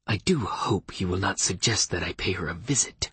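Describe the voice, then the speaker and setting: A man reading an audiobook, voicing a formal old male vampire lawyer who speaks in a stuffy, archaic, quiet, half-whispered way. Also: deep voice, lively intonation, moderate pace, breathy edge, dry recording, heavily acted.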